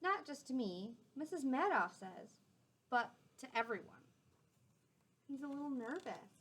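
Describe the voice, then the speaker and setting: Her voice is high and husky, and she keeps a measured pace. She reads a picture book aloud to young children in a lively, teacherly style, pausing for simple explanations.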